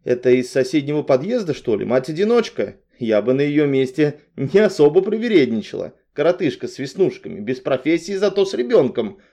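A man's voice: fairly high pitch, sing-song, mellow, voice pushed up. A man reading an audiobook, voicing a bossy, hot-tempered young woman who barks at her friend. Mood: angry. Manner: barking, quick to anger. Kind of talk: audiobook character voice.

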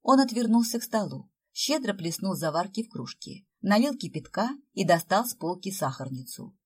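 A woman reading a story aloud as narrator, in a lively storytelling manner. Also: mid-range voice, moderate pace, slightly rough. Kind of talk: audiobook narration.

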